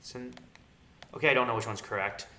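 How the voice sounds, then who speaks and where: A man's voice: medium pitch, fairly quick, sharp tone. A man hosting a casual video, thinking aloud and joking as he chats with an AI. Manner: thinks aloud, jokey, narrates his clicks. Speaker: video host. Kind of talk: casual chat with an AI. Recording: echoey room with typing.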